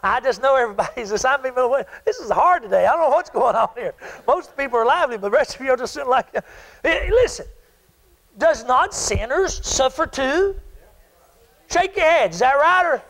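High-voiced older preacher. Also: male voice, sing-song, a little fast, a bit bright, low-quality recording. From South Carolina. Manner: call-and-response preaching, asks the congregation questions. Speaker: pastor. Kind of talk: sermon.

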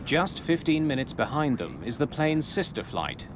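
A man's voice: on the high side, very animated, moderate pace, noisy background. A man delivering dramatic scripted narration for a documentary.

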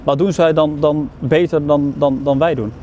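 Brief: deadpan male street interviewer, a bit high, light street noise, handheld mic outdoors. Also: normal speed, muffled recording. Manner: deadpan, absurd euphemisms. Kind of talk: street vox pop questions.

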